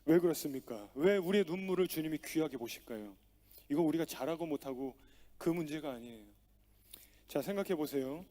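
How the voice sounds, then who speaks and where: Male pastor, high voice, lively swooping pitch, emphatic storytelling sermon. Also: brisk. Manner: storytelling with acted-out dialogue, emphatic and expressive. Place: church sanctuary.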